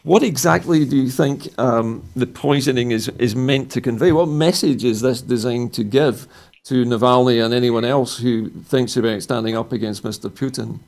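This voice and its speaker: A man's voice: mid-range voice, normal speed, vocal fry, a little mellow. A man with a Scottish accent presenting the news, reading a statement and putting questions to guests, correcting small slips as he goes. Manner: reads bulletin text with small slips and corrections.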